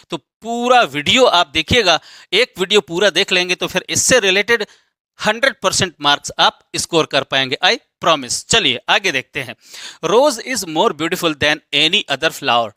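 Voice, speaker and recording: A male grammar teacher with a bright, slightly high voice, recorded close and dry with no room sound. He walks through each example step by step, putting questions to his students and answering them himself. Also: no echo. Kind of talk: explaining a grammar lesson.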